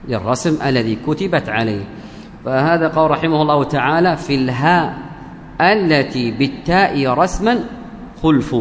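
A man's voice: mid-range voice, big-room sound, slight background noise. A man teaching Quran recitation rules, explaining patiently and repeating key words, with rising emphasis on his points. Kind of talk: explanatory lesson.

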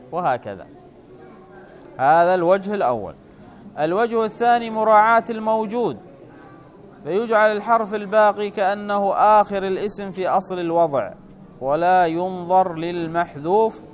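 A man teaching a grammar lesson, repeating key points and checking that his listeners follow with quick questions. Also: fairly high pitch. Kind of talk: classroom explanation.

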